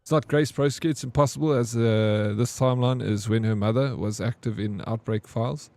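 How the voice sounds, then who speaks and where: Male streamer, 40s, relaxed and jokey, dry close sound. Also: mid-range voice, brisk, vocal fry, no room sound. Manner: chatty, joking, reads and answers chat. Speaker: game streamer. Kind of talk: casual live-stream chat.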